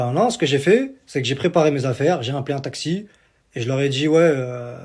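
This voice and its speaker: A young man from Algeria rants into his phone in a casual vlog. He talks fast in a fairly high voice, boastful and repetitive, piling oath on oath. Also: a little mellow. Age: young adult. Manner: boastful, repetitive swearing on the Quran. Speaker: social media personality.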